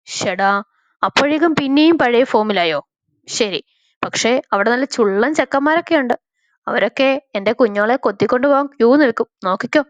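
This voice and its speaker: A woman's voice: on the high side, lively intonation, normal speed, no room sound, natural voice. Woman doing a teasing, fond big brother. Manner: affectionate and teasing. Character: young man, fond, teasing elder brother. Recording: slightly dull, dry recording.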